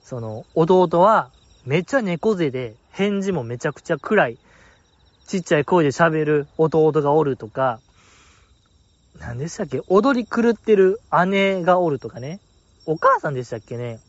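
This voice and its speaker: A man's voice: a little high, moderate pace, dry recording. A man with a Kansai accent hosting a podcast, chatting casually and playfully about listener mail. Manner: lively, playful commentary with frequent laughs. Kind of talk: casual chat. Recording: dull lo-fi, dry.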